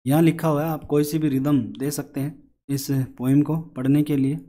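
Male teacher walking through a worksheet as a voice-over, asking questions and answering them himself, dark mellow voice. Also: a little high, fairly even intonation. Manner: explains step by step, asks and answers own questions; slowly sings a children's rhyme line by line. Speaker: English teacher. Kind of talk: online worksheet lesson.

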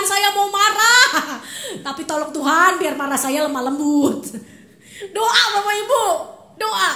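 A woman in her thirties, a pastor, preaching a sermon in a chatty, animated storytelling way. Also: very high voice. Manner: conversational, animated storytelling with laughs. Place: church hall. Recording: echoey church hall.

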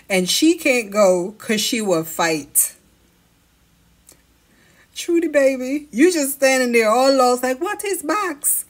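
A Jamaican woman giving chatty reaction commentary on a video, teasing and slipping into patois. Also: mid-range voice. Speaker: reaction vlogger.

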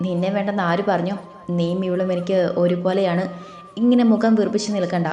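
A woman's voice: lowish voice, fairly even intonation, fairly quick, mellow, faint music behind, close to an everyday voice. A woman voicing a confident young man who teases his sister and speaks firmly to his mother. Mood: teasing. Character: confident young man, teasing older brother. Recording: echoey room.

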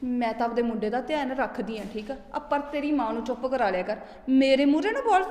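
An actress playing a resentful young pregnant wife who snaps and scolds defiantly. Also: female voice, sits high, expressive, quick pace, a little mellow, reverberant, big-room sound. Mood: angry. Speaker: daughter-in-law.

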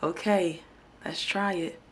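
A woman's voice: lowish voice, fairly even intonation, slow pace, fairly bright tone. A young woman chatting informally and thinking aloud in slangy speech, recorded on a handheld camera in a home kitchen with background noise. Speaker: vlogger. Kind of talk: casual chatty food vlog. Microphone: handheld camera at arm's length.

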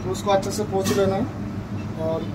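Young chef explaining over loud kitchen clatter. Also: male voice, sits high, fairly even intonation, distant mic, very noisy. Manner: plain step-by-step explaining, unhurried. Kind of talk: cooking demonstration. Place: restaurant kitchen. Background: kitchen clatter of pots and dishes.

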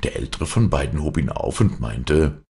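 A man narrating a fairy tale for an audiobook with an expressive, swinging delivery. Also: very deep voice, normal speed, husky. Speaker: storyteller.

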